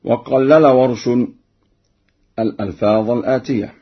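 A man teaching variant readings of the Quran, explaining slowly and chanting the verses he quotes. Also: medium pitch, husky, highs cut off. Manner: slow, measured, chants quotations.

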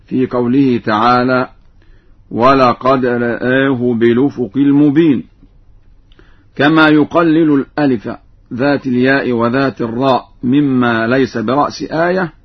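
A man explaining the variants of a Quran recitation in a measured, didactic way, drawing out the verses he quotes in slow chant. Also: mid-range voice, husky. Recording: dull, lo-fi radio recording.

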